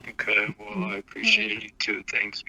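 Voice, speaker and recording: A man heard over a phone on speaker, giving dry, low-key replies to his sibling. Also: moderate pace, slightly rough, no room sound. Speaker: brother of the caller. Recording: phone line with steady noise and clicks.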